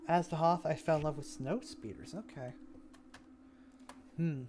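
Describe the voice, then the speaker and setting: A man casually thinking aloud as he builds a game map, musing and talking to himself in an unhurried way. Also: fairly high pitch, darkish tone, slight background noise.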